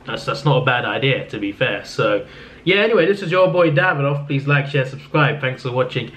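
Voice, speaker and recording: A man's voice: mid-range voice, fairly quick. A man with a fading voice, rambling through a casual football recap in a subdued tone, with lots of restarts. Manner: subdued, flat-sounding delivery; rambling, with frequent restarts and fillers. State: losing his voice. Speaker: football vlogger. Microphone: camera mic. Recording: slightly dull lo-fi audio with faint noise.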